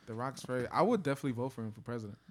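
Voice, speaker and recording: A man's voice: medium pitch, animated, rapid-fire, crowd noise. Guy joking around on a podcast with his friends, voice bounces all over, laughs a lot. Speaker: podcast co-host. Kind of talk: casual group chat.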